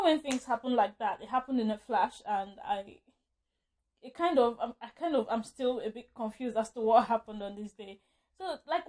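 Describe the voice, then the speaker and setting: A woman's voice: on the high side, darkish tone. A woman telling a casual storytime vlog, rambling, correcting herself and laughing often. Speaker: vlogger.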